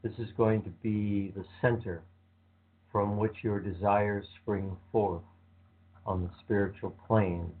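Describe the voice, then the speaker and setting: A man leading a guided visualization meditation with slow, calm, soothing instructions. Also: on the low side, husky. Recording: tinny phone-like sound.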